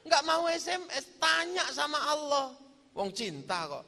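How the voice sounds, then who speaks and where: A man's voice: very high-pitched, very animated, measured pace, vocal fry, pushed and bright. A man preaching a sermon, joking and telling stories, sometimes singing verses. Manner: joking, storytelling, mixes in sung verses. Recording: long hall reverb.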